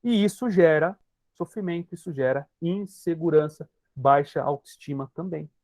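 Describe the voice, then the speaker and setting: A man with a Brazilian Portuguese accent talks through a lesson for an online group session, pitched fairly high. The sound is dry and close, as on a video call. He is emphatic and keeps addressing his listeners directly. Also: normal speed, darkish tone, no room sound. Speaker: hypnotherapist.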